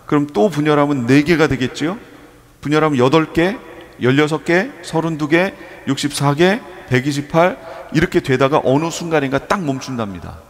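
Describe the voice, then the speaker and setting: A man's voice: on the high side, animated, normal speed. A male pastor preaching a sermon, explaining step by step with everyday examples and putting rhetorical questions to his congregation. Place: church sanctuary. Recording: long reverb of a church hall.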